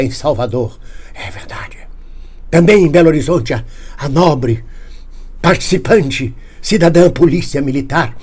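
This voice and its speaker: A man's voice: a little mellow, slightly rough. A man playing a panicky anti-communist crank. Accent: Brazilian Portuguese. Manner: alarmed, indignant, swings from whispers to high outbursts. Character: paranoid right-wing man panicking about communists. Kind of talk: satirical comedy monologue.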